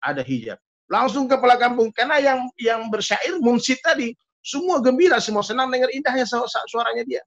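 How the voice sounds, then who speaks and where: A man with a Riau Malay accent, a guest musician telling a story in an animated way and often addressing his host. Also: very high-pitched, brisk, highs cut off. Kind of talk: storytelling in conversation.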